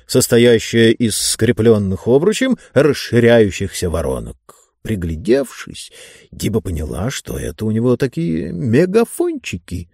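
A man reading a children's fantasy novel aloud as an audiobook, with very expressive storytelling. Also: on the low side, no room sound, clean studio sound. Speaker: narrator. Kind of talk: scripted audiobook narration.

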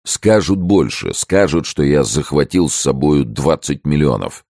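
A man reading as a proud, disgraced male minister in an audiobook, with solemn, measured speech. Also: extremely low pitch, expressive, a little mellow, no room sound, clean studio sound, exaggerated voice. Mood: grave.

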